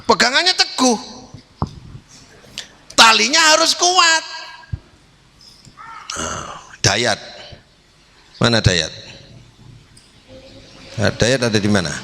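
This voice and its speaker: A man's voice: mid-range voice, huge pitch swings, slow, gravelly, pauses often, bright, forceful tone. A male kyai, preaching a sermon to his congregation in an emphatic, repetitive way. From East Java. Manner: emphatic, repetitive, switching into Javanese asides. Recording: long reverb of a hall.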